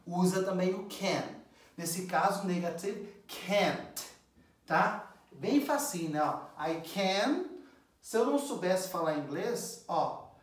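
A man's voice: high voice, distant mic. A man with a Brazilian accent teaching English, drilling phrases over and over and telling viewers to repeat after him. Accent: Brazilian Portuguese. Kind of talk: video English lesson in Portuguese. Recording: very echoey room, voice away from mic.

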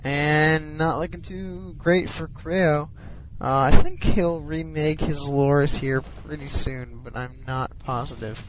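A man's voice: fairly high pitch, fairly even intonation, takes it slowly, hardly any pauses, a little hiss or hum, low-quality recording. A man giving casual commentary on a strategy game replay, sounding sleepy and hesitant, with many ums and restarts. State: sleepy, yawning.

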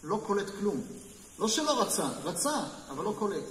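Rabbi's voice echoing around a hall. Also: male voice, high voice. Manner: lively storyteller, talks with listeners and asks them questions. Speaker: rabbi giving a weekly Torah class. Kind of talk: storytelling Torah lesson to a live group. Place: hall with a small live audience. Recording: echoey hall, mic far off, faint noise.

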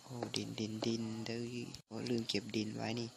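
A man doing casual gameplay commentary in a halting, muttering way, his voice phlegmy from recovering from flu. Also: medium pitch, completely flat delivery, vocal fry, very noisy. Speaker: gaming channel host.

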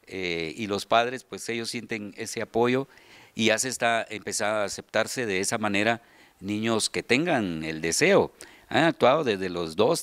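A middle-aged Guatemalan man with a low, fairly bright voice, the subdirector and voice announcer of a children's radio theater, answers interview questions and explains things. He speaks into a handheld interview mic in a large indoor hall with a seated group, and there's no room sound.

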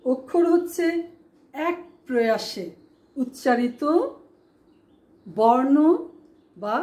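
A woman's voice: a little high, warm tone. A woman teacher giving a classroom lesson, asking her students rhetorical questions and spelling words out syllable by syllable. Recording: echoey room.

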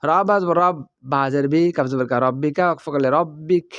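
A man's voice: a little high, dry recording, highs cut off. A man teaching how to read the Quran, spelling each letter and vowel sign in short chanted steps and explaining the reading rules. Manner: slows into drawn-out melodic recitation for the verses. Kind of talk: letter-by-letter spelling lesson with slow recitation.

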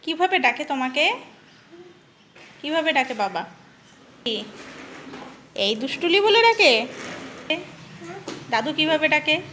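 A woman's voice: sits high, big pitch swings, slow, long pauses, sharp tone, a little hiss or hum. A young adult woman vlogging at home, coaxing her small child with repeated questions. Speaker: vlogger and mother. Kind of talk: casual home vlog. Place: family home.

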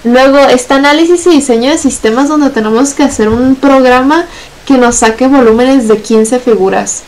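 A young woman with a Mexican accent chatting casually on a stream, blunt and swearing a lot, talking in long rushed runs. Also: high-pitched, a little mellow, rough recording. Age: young adult. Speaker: guest on a gameplay stream. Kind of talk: casual chat.

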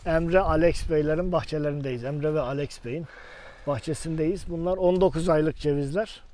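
Guy hosting out in an orchard, high but soft mellow voice, chatty. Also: normal speed. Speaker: host and orchard adviser. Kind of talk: casual field presentation and interviewing. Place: outdoors in a walnut orchard. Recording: faint outdoor background noise.

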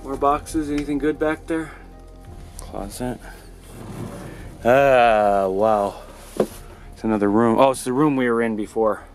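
A man talks into a handheld camera as he wanders through cluttered rooms, curious and upbeat, thinking aloud with plenty of fillers. His voice sits at an ordinary middle pitch. A little music plays faintly underneath. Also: takes it slowly, pauses often. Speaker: vlogger exploring and inspecting an old computer. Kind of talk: casual handheld vlog narration. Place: cluttered indoor rooms of an empty house. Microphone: handheld camera mic.

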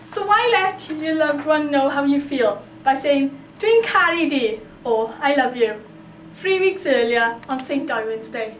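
Young female presenter, South Wales Valleys accent, high voice, homemade explainer video with echoey sound. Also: expressive, a little slow, fairly bright tone, highs cut off. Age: young adult. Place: small computer room, living room and shopping streets. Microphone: camcorder microphone a few feet away. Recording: roomy echo with clear background noise.

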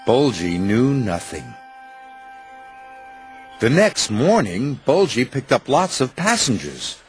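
A man narrating a children's cartoon in a slow, expressive storytelling way. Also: mid-range voice, faint music behind.

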